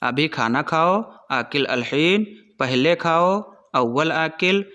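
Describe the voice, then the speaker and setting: Bright-voiced man teaching phrases. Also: fairly high pitch, animated. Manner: repeats each phrase slowly for learners; quick, chatty asides between drills. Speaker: Arabic teacher and channel host. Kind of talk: spoken-language lesson in Hindi.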